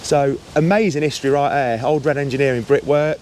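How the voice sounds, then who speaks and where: A man's voice: medium pitch, steady tone, a little fast, darkish tone, a little hiss or hum. A man with an English East Midlands accent hosting a casual history vlog under a bridge, chatty and enthusiastic as a local guide. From Leicestershire, England. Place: outdoors beneath an old railway bridge.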